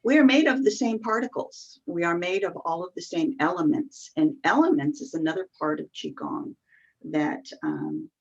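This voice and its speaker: A woman's voice: lowish voice, very animated, normal speed. A woman teaching qigong as an interview guest, explaining patiently step by step with many fillers over a video call. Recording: muffled lo-fi video call audio.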